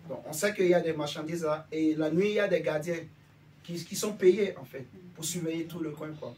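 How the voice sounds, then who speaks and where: Fairly high-pitched and a little mellow, this man from Benin preaches informally and fairly quickly to a congregation. He talks conversationally, often checking that listeners follow and agree. The mic is distant, with faint noise behind him.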